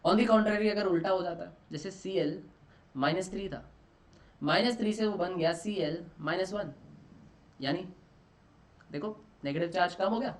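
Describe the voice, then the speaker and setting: A man teaching a chemistry class for an exam, in Hindi mixed with English phrases. He keeps asking the class questions and answers them himself, repeating key terms, and lets each answer word drop low and soft. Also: measured pace, pauses often. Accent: Marathi-influenced Indian. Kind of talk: online exam-prep lecture.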